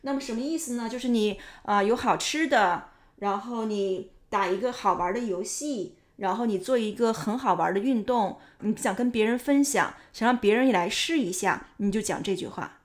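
Higher-voiced woman teaching English in Mandarin. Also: normal speed. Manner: patient, step-by-step, with filler sounds. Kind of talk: explaining English grammar and pronunciation in Mandarin.

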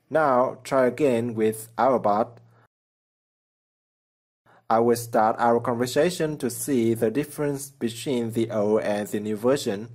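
This man's voice is mid-range with a darkish tone as he talks over a screen recording for his coding tutorial channel. His explanations are plain and sequential, worded in simple non-native English.

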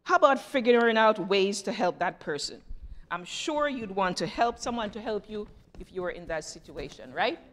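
A woman's voice: medium pitch, lively intonation, moderate pace, in a large hall. A woman giving a children's message in church, telling a story, asking the children questions and leading a prayer. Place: church sanctuary.

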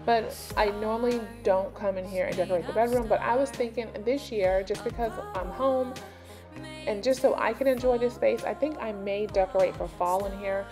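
A woman in her thirties talks casually and directly to her audience in a relaxed vlog voice-over. Her voice sits at an ordinary middle pitch. Soft background music plays faintly beneath her. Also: normal speed. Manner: chatty, addresses viewers directly. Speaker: home cleaning vlogger.

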